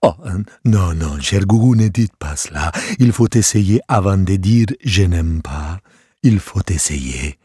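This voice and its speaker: A man's voice: deep voice, expressive, a little slow, breathy edge, no echo, studio quality, pitched below the performer's own voice, full character voice. A man voicing a vain, elegant female trout with a genteel, coaxing manner in a storybook reading. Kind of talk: storybook character voice. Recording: soft music behind.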